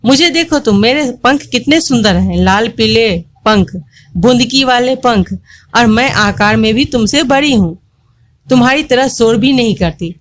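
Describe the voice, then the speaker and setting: A vain little butterfly girl from a children's storybook, raised high and sharp-tongued, scolding whoever shares her flower, as a woman puts her on. She brags and orders others away. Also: animated, unhurried. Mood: boastful. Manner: scolding, haughty, boastful. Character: proud, bossy young female butterfly.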